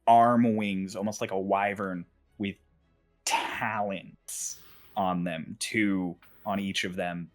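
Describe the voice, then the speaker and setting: A man acting as game master, narrating a tabletop game in a conversational, descriptive way. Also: mid-range voice.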